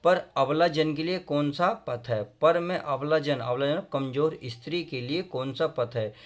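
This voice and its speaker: A man teaching a Hindi poem to school students, reading verse lines slowly and then explaining them in plain, friendly talk. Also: fairly high pitch. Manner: addresses students fondly, often asks if they understood.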